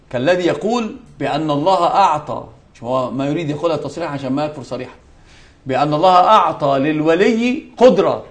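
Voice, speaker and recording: Here a male sheikh with a voice on the high side instructs students in religion. His delivery is emphatic, with repeated key words and scripture quotations, interrupted by short asides to the room.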